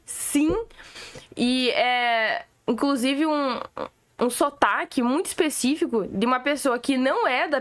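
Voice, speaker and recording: High-pitched gaúcho woman ranting on a live stream, sarcastic and fed up. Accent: Gaúcho Brazilian Portuguese. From Rio Grande do Sul, Brazil. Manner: sarcastic, opinionated, exasperated. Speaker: political commentator. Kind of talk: casual livestream rant.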